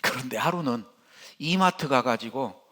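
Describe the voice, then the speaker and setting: An older man, a pastor, preaching a sermon in church with animated, folksy storytelling. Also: medium pitch, a little slow.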